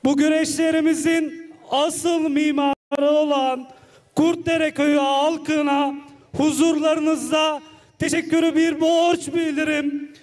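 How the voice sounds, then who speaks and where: Man doing a formal thank you speech, really high strained pitch, monotone, short phrases. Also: slow pace. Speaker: local speaker at a wrestling festival.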